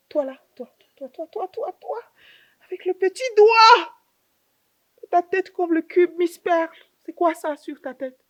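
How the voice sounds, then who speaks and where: A woman's voice: extremely high pitch, a bit bright, dry recording, heavily acted. A young woman playing a sassy, scheming younger aunt in a sitcom, needling everyone with rhetorical questions and repeated "hein". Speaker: sitcom actress. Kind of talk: comedic sitcom acting.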